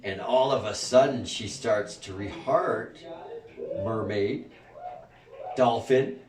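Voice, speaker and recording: A man leading a spiritual gathering, rambling and profane, laughing often and swinging between soft and loud. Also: lowish voice, slow pace, a crowd in the background. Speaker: spiritual group leader. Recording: echoey room, far from the mic.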